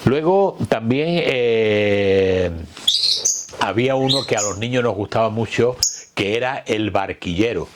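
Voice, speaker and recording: Older Andalusian man with a lowish voice. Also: heavy background noise. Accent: Andalusian, from Málaga. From Málaga, Spain. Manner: halting, searching for words with repetitions. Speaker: speaker on local history. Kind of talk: informal talk recalling old street vendors.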